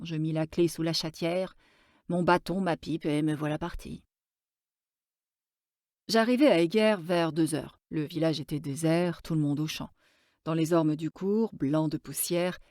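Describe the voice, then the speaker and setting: A woman storyteller reading a classic tale aloud with gentle, expressive narration. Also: lowish voice, no echo, clean studio sound.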